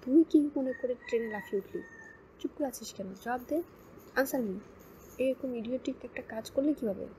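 Woman reading as a bossy young man, gruff and barking, gravelly edge, dark tone. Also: on the high side, steady tone, fairly quick, slight background noise. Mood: scolding. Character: bossy young man, blustering trip leader.

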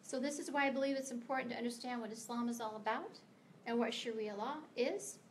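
In a library meeting room, a middle-aged American woman delivers a prepared speech as a guest author, earnest and emphatic but occasionally tripping over words. Her voice is on the high side and fairly quick, with a little hiss or hum.

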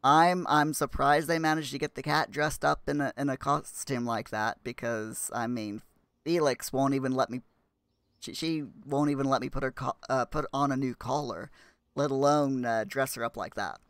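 A man's voice: mid-range voice, normal speed, fairly bright tone, smooth, dry recording. A man chatting casually while live-streaming a game, rambling and restarting his sentences.

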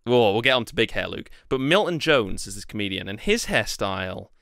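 Bright, clear-voiced young man chatting. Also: fairly low pitch, very animated, brisk, no room sound, studio quality. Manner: rambling, lots of fillers and restarts. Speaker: podcast co-host. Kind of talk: casual chat.

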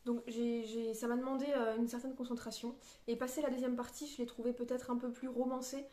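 A woman's voice: on the high side, little pitch movement, a little fast, dark tone, roomy sound. A woman reviewing a novel in a casual book vlog, hesitant and searching for her words, with many fillers and restarts. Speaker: book vlogger. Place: on a beach.

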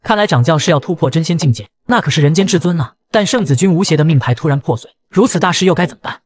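A man narrating a fantasy comic recap with brisk, lively storytelling. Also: a little high, slightly rough.

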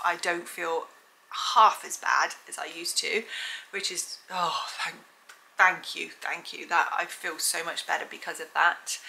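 A woman's voice: lowish voice, gravelly, poor audio. A woman in her forties giving a chatty pregnancy update vlog, slightly out of breath. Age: 40s. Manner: chatty, upbeat, breaks into excited whoops. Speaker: vlogger.

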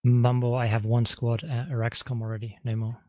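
A man's voice: mid-range voice, level tone, fairly quick, no echo. A man giving clipped squad leader reports, heard over team voice comms as if from a distance. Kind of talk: tactical radio callouts.

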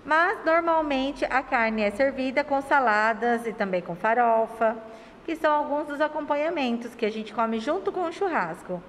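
A woman teacher from Brazil giving a lesson to young children, slowly stretching syllables and asking them questions affectionately. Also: high-pitched, lively intonation, long reverb tail, a little hiss or hum. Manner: sing-song, stretches words and syllables slowly.

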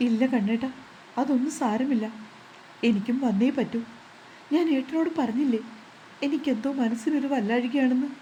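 An anxious young wife pleads in a worried, tender voice, pitched fairly high and mellow, as a woman narrator gives her lines. A faint hiss sits behind. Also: normal speed, long pauses, lightly acted, poor audio. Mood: pleading.

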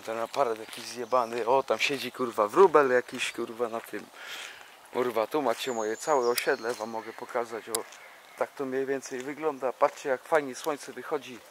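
Young man, bright, edgy voice, rambling, swearing, grumbling, handheld camera outdoors, faint street noise. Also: mid-range voice. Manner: constant swearing, grumbling and complaining. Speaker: vlogger. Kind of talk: rambling walking vlog monologue. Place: outdoors on a housing estate. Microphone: handheld camera while walking. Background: outdoor ambience, a dog nearby.

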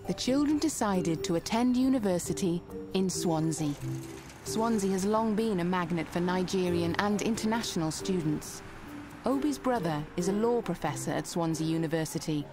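A woman narrates a documentary in a measured, even delivery. Her voice sits a little low. Music plays clearly beneath the voice-over.

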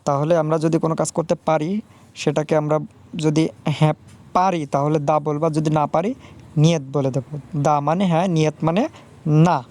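A man's voice: a little high, flat delivery, a little mellow. Patient man drilling words over and over. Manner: patient, repeats each word slowly many times. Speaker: language teacher. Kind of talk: video language lesson.

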